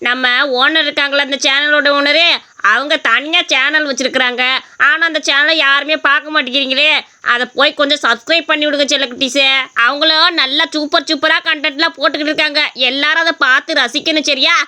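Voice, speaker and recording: Coaxing high-voiced woman host. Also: fairly even intonation, fairly quick, bright, forceful tone. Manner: affectionate, coaxing. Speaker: storyteller and channel host. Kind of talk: channel promotion to viewers.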